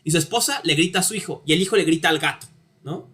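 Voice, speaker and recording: Mexican male lecturer, higher-pitched, chatty, keeps checking in with the class. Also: expressive, fast, pushed and bright. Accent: Mexican Spanish. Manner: conversational, frequent tag questions, stumbling repetitions. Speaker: university philosophy lecturer. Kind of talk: informal lecture.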